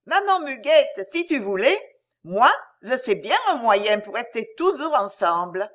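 A woman's voice: high-pitched, big pitch swings, normal speed, a bit bright, voice pushed up. A woman playing Louise, a pleading little girl. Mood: coaxing. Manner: pleading, childish, sobbing insistence. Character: small clingy girl, passionate and stubborn.

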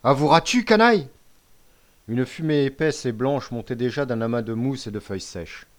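A man's voice: medium pitch, a little fast, darkish tone. A man doing scripted narration of a story, dramatic and paced for tension.

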